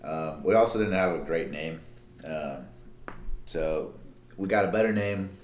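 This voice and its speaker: A young man from Colombia co-hosting a casual podcast, halting and repeating words, joking around. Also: low-pitched, a little mellow. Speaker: podcast co-host. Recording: echoey room, faint background noise.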